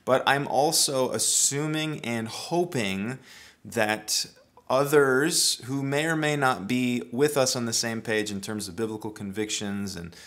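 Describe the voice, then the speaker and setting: A man's voice: medium pitch, unhurried, fairly bright tone. A middle-aged American man giving an earnest, emphatic spoken teaching, often restarting his phrases. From United States. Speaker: Bible teacher.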